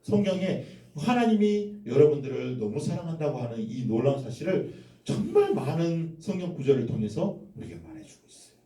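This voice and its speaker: Brief: male pastor, children's sermon, animated storyteller, recorded far from the mic in an echoey room. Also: a little high, fairly quick. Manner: animated, addresses listeners with questions.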